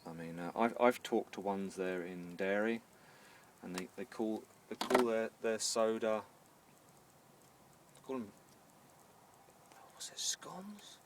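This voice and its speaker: A man's voice: lowish voice, fairly even intonation, unhurried, long pauses. A man with a Northern Irish accent chatting casually and unscripted as he cooks, hesitating and repeating words as he starts phrases. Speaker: home baker demonstrating a recipe. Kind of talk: casual unscripted chat while cooking. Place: inside a camper van. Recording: distant mic with faint background noise.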